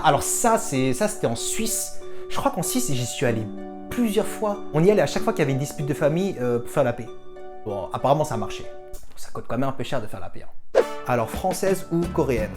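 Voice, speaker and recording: A young man from France answering viewer questions in a casual, self-mocking vlog, switching between languages. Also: fairly high pitch. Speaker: vlogger. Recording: music playing underneath.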